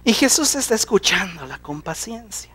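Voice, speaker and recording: A pastor preaching with a very high-pitched voice. He tells Bible stories dramatically, slipping into the voices of the people in them. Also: very animated, moderate pace, pushed and bright, breathy edge. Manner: dramatic storytelling, acting out characters' voices. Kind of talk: sermon.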